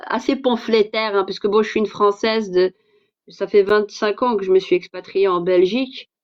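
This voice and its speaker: A French woman from Paris, who is a livestream host and author, talks casually on her stream with a Parisian accent, outspoken yet hesitant and full of fillers. Her mid-range voice keeps a steady tone at normal speed, and the audio is lo-fi.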